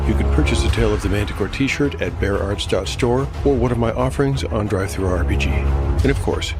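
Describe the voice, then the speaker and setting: A low-voiced man hosts a fantasy audio drama, reading scripted narration. Music is clearly audible behind him, and insects chirp in the background.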